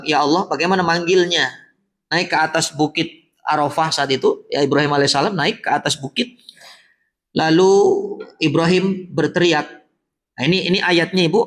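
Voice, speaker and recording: High-voiced man preaching to a congregation. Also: fairly bright tone. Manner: asks the audience questions and answers them himself; chants Quranic verses slowly. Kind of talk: religious lecture. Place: mosque gathering.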